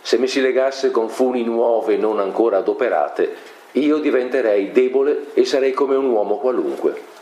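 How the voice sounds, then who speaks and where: A man voicing a mighty strongman of an ancient tale, speaking in a calm, measured way, recorded in an echoey room. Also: medium pitch, close to an everyday voice. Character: mighty long-haired strongman, confiding. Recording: echoey room, faint noise.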